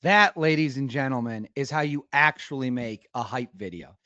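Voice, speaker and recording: A man's voice: medium pitch, normal speed, lo-fi sound, noisy background. A man hosting a commentary show, reacting to video clips with heavy sarcasm and mocking exclamations. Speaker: political commentary host.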